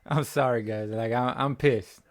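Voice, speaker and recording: A man's voice: medium pitch, fairly even intonation, moderate pace. A young man hosting a fan channel, ranting in frustration after a game, repeating himself and rambling. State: voice cracking. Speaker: sports fan channel host. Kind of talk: post-game reaction rant. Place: at home.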